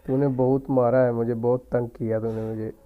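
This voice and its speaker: A man's voice: medium pitch, flat delivery, brisk, phone-quality sound. A man with a sore throat, muttering casual gameplay commentary as he plays and taunts the game character. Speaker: gaming YouTuber.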